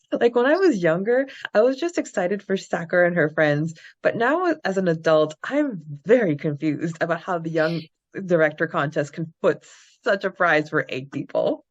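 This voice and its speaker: A young adult woman co-hosting a podcast reads a recap of a story, then moves into casual book-club discussion. Her lowish voice has lively intonation at a normal speed, and the highs are cut off.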